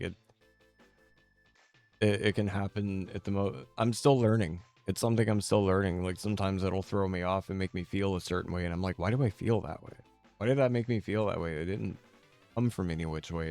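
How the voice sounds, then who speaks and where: A man with a low, darkish voice chats casually as a game streamer, answering questions from viewers. His delivery is laid-back, rambling and halting.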